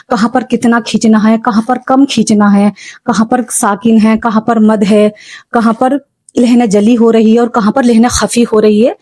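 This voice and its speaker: A woman giving a spoken lesson on Quran recitation, patiently explaining and repeating examples slowly. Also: on the high side, darkish tone, no echo. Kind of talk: spoken religious lesson for beginners.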